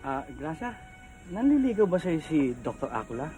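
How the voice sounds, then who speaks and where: Shy stammering suitor, slightly high voice, music under. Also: male voice, sing-song, normal speed, warm tone, rough recording. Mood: sheepish. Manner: hesitant, stammering. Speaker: lead in a comedy film. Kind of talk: film comedy acting.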